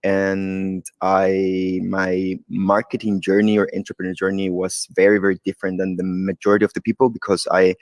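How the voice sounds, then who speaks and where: A man from Ecuador telling his story as an interview guest, relaxed and rambling. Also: sits low, moderate pace, hardly any pauses, no room sound. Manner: relaxed, rambling with many fillers. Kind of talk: casual interview talk.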